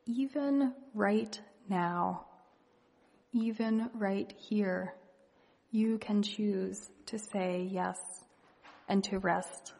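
A woman leading a guided meditation and reading reflective poetry in a hushed, gentle, unhurried manner with long pauses. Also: medium pitch, gravelly. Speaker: meditation leader. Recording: long reverberant hall echo.

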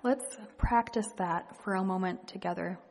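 A woman leading a guided meditation and reading reflective poetry in a hushed, gentle, unhurried manner with long pauses. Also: mid-range voice. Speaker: meditation leader. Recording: long reverberant hall echo.

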